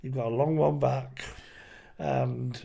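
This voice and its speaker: A man's voice: mid-range voice, fairly even intonation, takes it slowly, creaky. A man in his late fifties hosting a casual podcast interview, encouraging and calling his guest "mate". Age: 50s. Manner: warm, encouraging, frequent "yeah", calls guest "mate". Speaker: podcast host.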